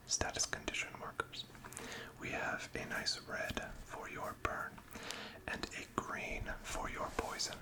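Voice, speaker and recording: A whispered role-play in a breathy, unvoiced whisper, as a gentle, attentive shop assistant encouraging a customer. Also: rough recording. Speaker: ASMR performer playing a card shop assistant.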